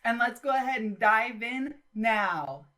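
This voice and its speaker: A woman's voice: on the high side, lively intonation, measured pace, bright, forceful tone. A woman hosting a video channel, giving chatty, enthusiastic, emphatic voice-over commentary on a game build in a casual style. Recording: music behind the voice. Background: music.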